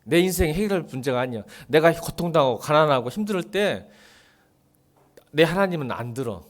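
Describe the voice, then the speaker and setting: Male pastor, fairly high and very animated voice, preaching with rhetorical questions and big soft-to-loud swings. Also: normal speed. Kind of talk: sermon.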